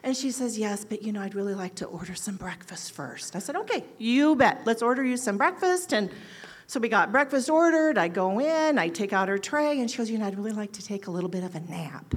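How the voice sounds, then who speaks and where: A woman in her sixties, an oncology nurse, telling a story to an audience and acting out quoted lines with sudden jumps in pitch and loudness. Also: expressive, a little fast.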